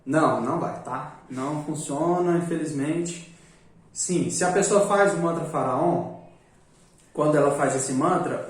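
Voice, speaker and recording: A man teaching a live class, casual and joking, often tagging his points with a quick question. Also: on the high side. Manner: joking, chatty, repeats "né?" often. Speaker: magic course teacher. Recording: echoey room, distant mic.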